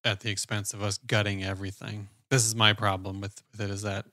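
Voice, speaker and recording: A man's voice: on the low side, flat delivery, a little fast, bright, forceful tone, no room sound, studio quality. Blunt, gloomy male podcast guest. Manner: blunt, opinionated, pessimistic. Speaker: guest commentator. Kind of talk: casual podcast chat.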